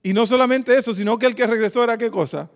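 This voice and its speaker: High-voiced pastor, hall reverb. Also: male voice, fast talker. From Dominican Republic. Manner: preacherly, asks the congregation questions, calls them "queridos". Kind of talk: sermon.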